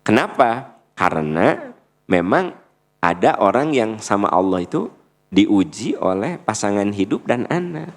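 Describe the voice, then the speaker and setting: A man's voice: lowish voice, sing-song, a little slow, gravelly, big-room sound. A man preaching a sermon to a congregation, earnest and pleading in his prayers. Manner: earnest, rising to fervent pleas in prayer passages.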